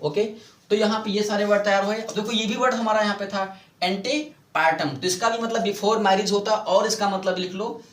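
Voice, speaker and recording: A man teaching English vocabulary in Hindi mixed with English, explaining slowly, repeating words and asking his students questions. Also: high voice, fairly even intonation, a bit bright, echoey room.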